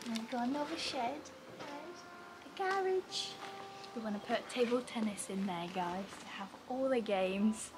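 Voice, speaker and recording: A woman's voice: a little high, measured pace, noisy background. A woman vlogger touring an empty house and garden, gushing and exclamatory as she walks the camera around. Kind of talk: casual house tour vlog. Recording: echoey rooms, far from mic, music behind.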